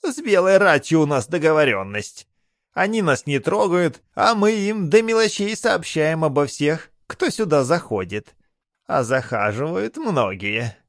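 A man voicing a fat, cackling male bathhouse spirit with a high, teasing, wheedling voice. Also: very animated, a little slow, no echo, studio quality. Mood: sly.

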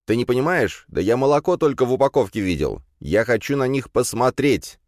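A man voicing a naive, excitable young city man who exclaims eagerly at everything. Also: medium pitch, brisk, no room sound, clean studio sound, pitched above the performer's own voice, lightly acted. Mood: excited.

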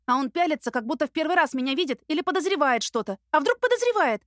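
Brief: woman voicing flustered young heroine, pitched up high, sharp-tongued, close dry read. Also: lively intonation, no room sound. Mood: anxious. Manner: agitated, breathless, rapid complaints.

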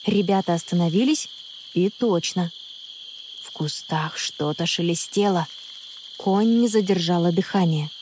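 A woman narrating a children's story aloud in an expressive, storytelling manner. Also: fairly low pitch, measured pace, background noise. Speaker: audiobook narrator.

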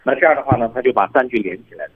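Male radio English teacher, lively, slightly husky, tinny broadcast sound. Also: very fast. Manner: lively, demonstrates lines with heavy stress and rising pitch. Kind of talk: radio language lesson.

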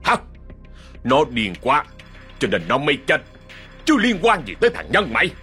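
A harsh, short-tempered village elder, put on by a male storyteller, who yells and scolds. His voice jumps high and swings widely in pitch. Soft music hums behind him. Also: huge pitch swings, moderate pace, slightly rough, full character voice. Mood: angry. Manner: shouting, scolding.

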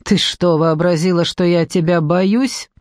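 A woman's voice: lowish voice, fairly even intonation, measured pace, a little mellow, dry recording, studio quality, natural voice. A woman reading an audiobook, voicing a violent, cowardly male boss who snarls threats. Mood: menacing.

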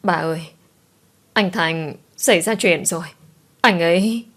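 A woman's voice: fairly low pitch, unhurried, fairly bright tone. A woman reading an audiobook romance voices a grieving young woman who talks in a pleading, tearful way. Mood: distraught.

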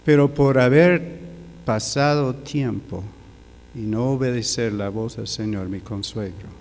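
An older man giving a sermon, telling a personal story in a slow, halting way with many fillers. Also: medium pitch, a little mellow, big-room sound. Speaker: preacher. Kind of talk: sermon testimony.

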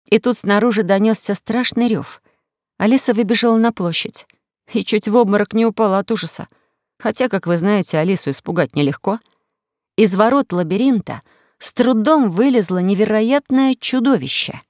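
A reader narrating a children's storybook with even, expressive reading. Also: mid-range voice, moderate pace, dry recording, clean studio sound. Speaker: audiobook reader.

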